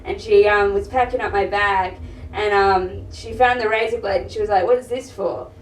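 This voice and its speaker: A woman's voice: medium pitch, fairly even intonation, moderate pace. A young woman performing a stand-up comedy set, blunt and swearing, rambling with fillers, in a live venue with an audience. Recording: roomy live venue, mic heard from a distance. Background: audience laughter and room noise.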